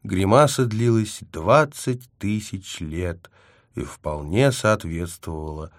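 A man's voice: low voice, takes it slowly, no room sound, studio quality. A man narrating a science-fiction novel in the first person, wry and self-mocking. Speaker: audiobook narrator.

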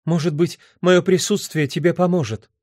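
A man voicing a calm, earnest woman missionary who pleads gently, in an audiobook reading. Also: on the low side, moderate pace, no echo, studio quality, voice pushed up, lightly acted. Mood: pleading.

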